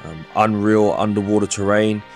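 Broad Kiwi man, lowish voice. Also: fairly even intonation, normal speed, darkish tone. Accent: broad New Zealand (Kiwi). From Bluff, southern New Zealand. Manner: laid-back slangy storytelling. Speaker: vlog host and diver. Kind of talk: casual adventure vlog, part to camera, part voice-over. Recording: music behind the voice. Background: music.

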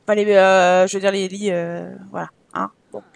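A woman's voice: medium pitch, little pitch movement, normal speed, gravelly, dry recording. A young woman giving casual commentary while playing a life-simulation game, talking to her characters and swearing at the game in exasperation. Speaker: Sims let's play streamer.

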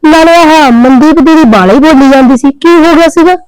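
Actress as a whiny young bride, high voice, dry close sound. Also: female voice, brisk, a little mellow, no echo, lightly acted, poor audio. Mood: pleading. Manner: whiny, pleading. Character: young daughter-in-law, sulky and self-pitying. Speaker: actor in a family skit. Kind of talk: scripted domestic skit acting.

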